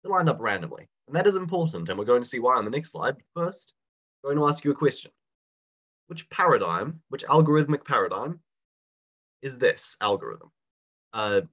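He's a young man teaching live online via video call, his mid-range voice a bit bright yet slightly raspy from a mild cold. The tone is casual and chatty, with questions put to the students.

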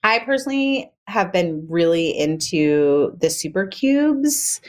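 A woman's voice: on the low side, lively intonation, slow pace. A woman co-hosting a podcast in casual chat, upbeat and full of suggestions and questions. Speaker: podcast co-host.

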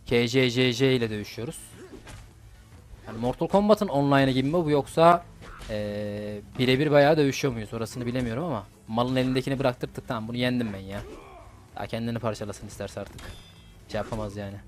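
A young man talks through a mobile fighting game. He is casual and slangy, swears at his opponents and sounds like he is chatting with his viewers. His voice sits at a medium pitch, with soft game music underneath. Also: fairly quick. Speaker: gaming YouTuber. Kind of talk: casual gameplay commentary.

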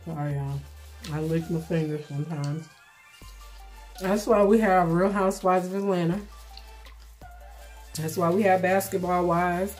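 A middle-aged woman giving casual, plainspoken vlog commentary while eating, pausing for bites and repeating phrases for emphasis. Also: fairly low pitch, fairly even intonation, darkish tone, faint music behind. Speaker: vlogger. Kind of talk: casual mukbang commentary chat.

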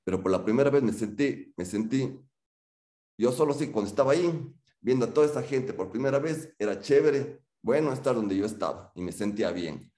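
A man's voice: mid-range voice, a little fast, roomy sound. A man, telling a humorous personal story and acting out the people he quotes. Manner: humorous, animated, acts out quotes.

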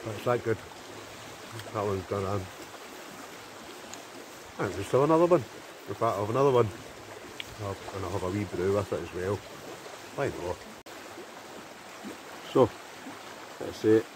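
Deep-voiced Scottish man by a river. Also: measured pace, long pauses. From Scotland. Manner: chatty, thinking aloud while cooking. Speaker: outdoor vlogger. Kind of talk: casual chat to camera. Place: riverside camp outdoors. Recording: outdoor recording with river noise. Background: flowing river.

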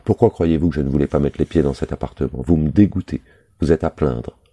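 A man's voice: a bass voice, quick pace, warm tone, slightly rough. A man reading aloud the lines of a jealous, capricious young woman, voicing her with little change from his own voice.

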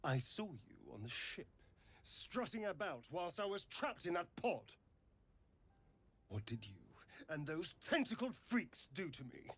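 An actor playing a sly, arrogant male elf rogue in a video game, with a husky, mocking drawl. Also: on the high side, sing-song, measured pace, a bit bright, heavily acted. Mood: accusing. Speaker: game companion.

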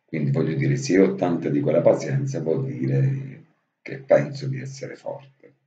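A man's voice: extremely low pitch, moderate pace, gravelly, dark tone, a little hiss or hum. A man talking casually and with affection to his absent brother. He repeats himself and swears casually. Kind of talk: casual heartfelt monologue to camera. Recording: dull lo-fi audio in an echoey room.

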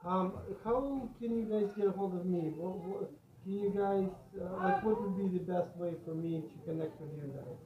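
An American woman with a mid-range voice vlogs outdoors in a crowded slum at a moderate pace, chatting casually with many restarts and fillers. The camera audio is muffled and echoey, with a crowd behind her.

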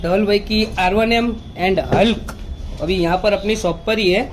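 A young man narrates a casual motorbike vlog while riding outdoor roads, chatting to viewers and calling them guys. His voice is high-pitched, steady and a little slow. The audio is poor, with loud road and traffic noise.

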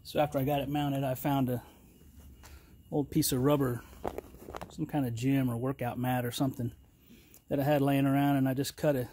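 A middle-aged man gives a plain, unhurried product review outdoors in his yard, talking to a handheld camera. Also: medium pitch, flat delivery, mellow, slight background noise. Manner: plain, unhurried, folksy talk with fillers. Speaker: channel host reviewing a trailer tool box. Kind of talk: casual product review vlog. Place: outdoors in a yard beside a trailer.

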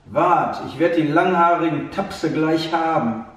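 A man's voice: on the high side, a little slow, fairly bright tone. A man voicing a sly, grumbling male fox in a storybook tale, heard from a distant mic in an echoey room. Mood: greedy. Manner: grumbling, muttering.

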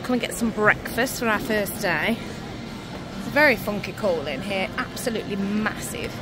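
A woman's voice: medium pitch, moderate pace, over loud music. A woman filming a casual family vlog, chatting upbeat about breakfast with her kids in a large diner. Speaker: family vlogger and mother.

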